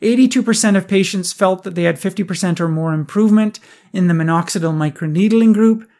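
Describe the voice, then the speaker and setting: A man hosting a podcast, briskly explaining research findings and asking rhetorical questions. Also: high-pitched, darkish tone. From Canada. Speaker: podcast host. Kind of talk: scripted research review.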